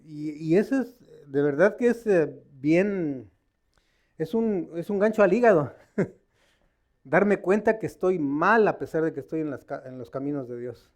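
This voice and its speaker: A man leads a Bible study in the loose manner of a lay preacher, not a polished speaker. His voice sits on the higher side, and he quizzes the room, pausing on fillers and restarting sentences as he hunts for the right word. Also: expressive, darkish tone. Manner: conversational, quizzing the audience with questions; stops to search for words, with many fillers and restarts. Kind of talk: informal sermon.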